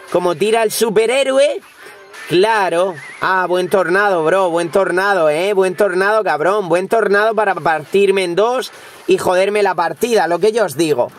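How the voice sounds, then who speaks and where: A young man from Spain with a Spanish accent, hoarse with a cold, commenting live on his mobile game and swearing freely at viewers. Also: high voice. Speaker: gaming YouTuber.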